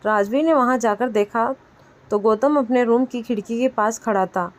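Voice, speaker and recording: A woman tells a scripted story, reading the narration in a plain, even way. Her voice sits a little high for a woman. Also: normal speed.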